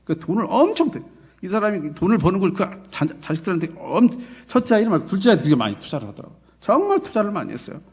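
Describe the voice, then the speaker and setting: A middle-aged man preaching a sermon as a pastor, telling stories with quoted dialogue and swinging between loud and soft. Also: high voice, wildly swooping pitch, very fast, slightly rough. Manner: storytelling with quoted dialogue, emphatic and swinging in loudness. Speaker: associate pastor.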